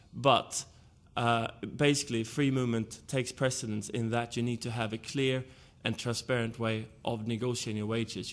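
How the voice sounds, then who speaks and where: A man with a Swedish accent gives an argumentative panel talk and works through his case point by point. His voice sits at a middling pitch for a man. His delivery is measured and deliberate. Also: fairly bright tone. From Sweden. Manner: argumentative, lays out points in order.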